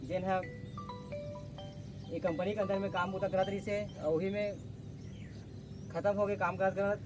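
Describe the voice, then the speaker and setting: A man's voice: sits high, level tone, unhurried, over music. A man with a Chhattisgarhi accent announcing at an outdoor protest and calling supporters to join the sit-in. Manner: rallying, calls supporters to come. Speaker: protest organizer.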